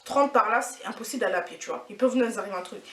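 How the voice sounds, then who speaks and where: A French vlogger in her twenties tells a story extremely fast in a mid-range voice, casual, slangy, and indignant. She's animated and repeats herself for emphasis, recorded from a distant mic in an echoey room.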